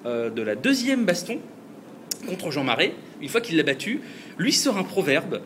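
A man's voice: fairly high pitch, big pitch swings, moderate pace, fairly bright tone, slight background noise. A man hosting a podcast, chatting enthusiastically and poking fun at himself. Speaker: podcast host. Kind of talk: casual chat.

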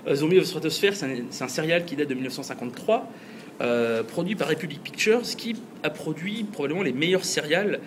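A man's voice: on the high side, animated, fairly quick, noisy background. A man hosting a podcast, talking casually and chattily and laughing often. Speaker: podcast host.

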